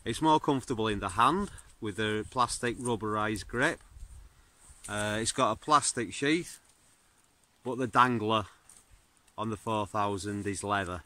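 A man, reviewing a knife in a birch forest, talking casually with plenty of fillers. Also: on the low side. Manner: relaxed, unhurried, many fillers and restarts. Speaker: bushcraft video host. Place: birch forest outdoors, smoky campfire. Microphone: phone or camera at arm's length.

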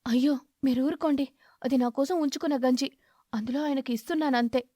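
A woman's voice: sits high, fairly even intonation, brisk, warm tone, dry recording, studio quality. A woman voicing a poor, devoted mother sparrow who speaks earnestly and pleads.

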